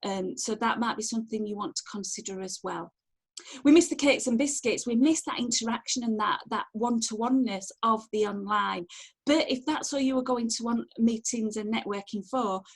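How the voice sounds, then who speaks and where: A middle-aged Sheffield woman with a husky, medium-pitched voice, working as an empowerment coach, gives informal online networking training from home on a video call. She's chatty, animated and direct, and wears headphones.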